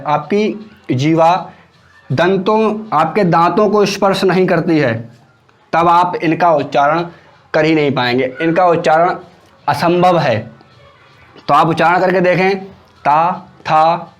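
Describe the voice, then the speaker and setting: A man teaching an exam-prep grammar lesson. He explains step by step and repeats each syllable aloud for students to copy. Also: a little high.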